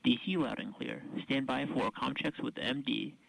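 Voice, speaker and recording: A man's voice: mid-range voice, normal speed, creaky. A man working as a ground controller, making procedural astronaut radio calls for comm checks. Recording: faintly noisy radio loop.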